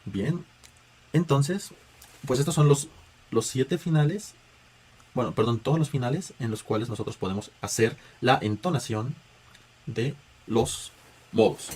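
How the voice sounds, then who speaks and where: A man's voice: mid-range voice, expressive, normal speed, pauses often, darkish tone, slightly rough. A man gives a patient spoken music lesson, guiding students through chant tones with filler words and restarts. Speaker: music teacher.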